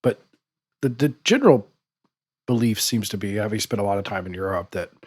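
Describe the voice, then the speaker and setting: A man's voice: fairly low pitch, a little fast, a little mellow, breathy edge, dry recording, studio quality. A man hosting a podcast, asking long, hesitant questions full of restarts. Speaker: podcast host. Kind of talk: interview questions.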